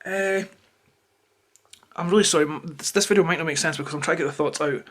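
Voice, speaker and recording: A man's voice: on the high side, quick pace, a bit bright. A Scottish man giving a rambling, unscripted, irritated rant to camera with plenty of swearing. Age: adult, parent of a toddler. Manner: irritated, opinionated. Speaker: YouTuber. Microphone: camera held or placed close to him.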